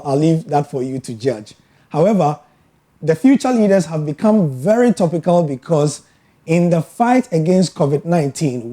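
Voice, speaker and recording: A Ghanaian sports broadcaster giving a scripted educational talk, telling his story in a measured, earnest way with emphatic pauses. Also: a little high, dark tone. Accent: Ghanaian English.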